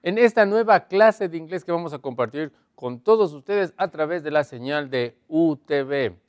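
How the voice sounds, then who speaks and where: A fairly high-voiced man leads a televised English lesson. He explains patiently, keeps checking that viewers follow along, and stretches out his example phrases slowly. The sound is close and dry. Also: expressive, dry recording. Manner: slow, drawn-out model phrases in English. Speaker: English teacher.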